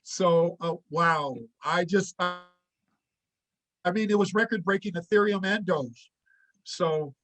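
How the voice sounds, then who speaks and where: A man talking on a group video call with a breaking-up connection, halting and restarting as he speaks. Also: high-pitched, fairly bright tone, low-quality recording. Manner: halting, with many stammered restarts. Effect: on a video call with a choppy, breaking-up connection. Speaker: guest member of the group. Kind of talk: casual chat on a group call.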